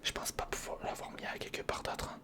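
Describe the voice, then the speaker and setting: Whispering breathily and a little fast, a man narrates his build in an informal ASMR style. This ASMR video creator's muttering is directed partly at himself and partly at the audience.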